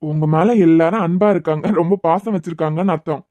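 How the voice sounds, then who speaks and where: A woman voicing a gentle, reassuring male doctor in a cartoon series, with a Kanyakumari Tamil accent. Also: low voice, fairly even intonation, fast talker, no echo, natural voice.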